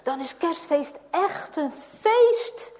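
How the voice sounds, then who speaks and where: A simple, devout grown man talking slow and earnest in a high, gentle voice, as a woman reads him out. The words hang in a long hall reverb. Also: animated, heavily acted.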